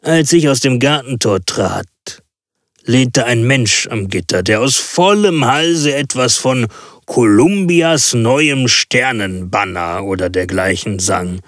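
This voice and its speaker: A man's voice: lowish voice, a bit bright, dry recording, clean studio sound. A man voicing a stolid male police constable who talks in a blunt, matter-of-fact way.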